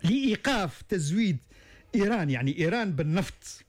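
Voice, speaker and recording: Quick and expressive, this high-voiced man speaks with a Tunisian Arabic accent while analysing events on a studio talk show. His somewhat raised delivery keeps halting and starting over, peppered with fillers.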